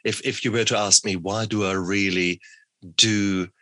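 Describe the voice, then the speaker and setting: A man hosts an interview show in a casual, rambling way, often restarting his thoughts. His voice sits very low yet carries a sharp, forceful edge. The sound is close and dry. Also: fairly even intonation, a little slow, no echo. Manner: frequent restarts and fillers. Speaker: podcast host.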